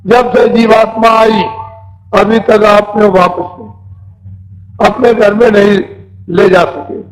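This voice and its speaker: A man's voice: sits high, steady tone, slow pace, rough recording. A man preaching a devotional sermon as a spiritual teacher, instructing in short, simple, repeated phrases. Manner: quizzes listeners with simple questions.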